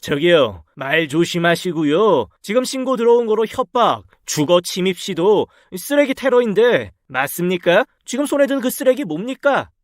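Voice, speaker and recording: A man's voice: high-pitched, big pitch swings, moderate pace, few pauses, no echo, studio quality. A man voicing a stern young male police officer who speaks curtly and formally. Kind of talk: storybook dialogue.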